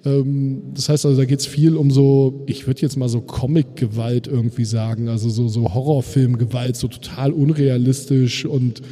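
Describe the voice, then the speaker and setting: A man's voice: mid-range voice, little pitch movement, moderate pace, hardly any pauses, warm tone, big-room sound. A man hosting a casual music podcast, with a slight lisp on th sounds from a missing front tooth and a joking, self-deprecating way of talking. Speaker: podcast host.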